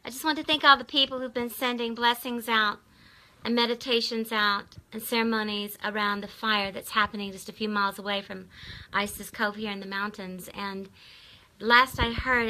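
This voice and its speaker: A woman speaking in a soft, slow, prayerful way as she leads a guided visualization from her home in the mountains. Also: mid-range voice, rough recording. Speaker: spiritual teacher leading a guided visualization. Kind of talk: guided meditation.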